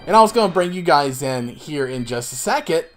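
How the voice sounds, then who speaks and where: A man's voice: a little high, expressive, fairly quick. A young man hosting a let's play, explaining the game casually and rambling with lots of fillers and restarts. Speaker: gaming channel host.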